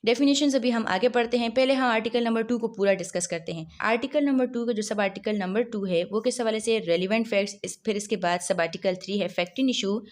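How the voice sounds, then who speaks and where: In a recorded law lecture, a woman with a voice on the high side poses questions to herself and then answers them. She also reads English legal text aloud slowly.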